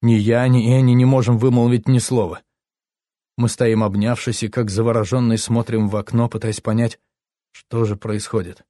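A man narrating a first-person story, tense and hushed, his voice dropping low at grim moments. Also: little pitch movement, moderate pace, no echo, clean studio sound. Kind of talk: audiobook narration.

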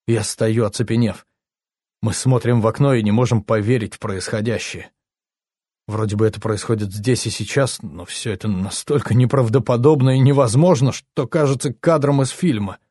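Hushed, tense male narrator. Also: fairly low pitch, slightly rough, dry recording. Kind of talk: audiobook narration.

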